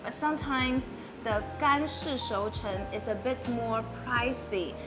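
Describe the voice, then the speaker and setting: A lively woman host who laughs often interviews a chef casually in a commercial kitchen's butchery room, mixing Mandarin and English. Her voice is fairly high and unhurried. Background music plays as a bed beneath her voice.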